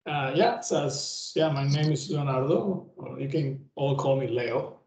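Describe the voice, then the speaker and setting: A man's voice: medium pitch, measured pace, vocal fry, a little mellow. Man lecturing in an echoey room. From Venezuela. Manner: rambling, with frequent self-restarts and tag "okay?". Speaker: guest lecturer. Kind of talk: conversational lecture. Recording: roomy echo.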